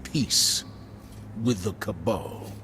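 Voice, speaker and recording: Deep-voiced, stern commander. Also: male voice, noisy background. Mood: grave, resolute. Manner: grave, measured. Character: stern, solemn, unyielding male military commander. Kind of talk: dramatic video game cutscene acting.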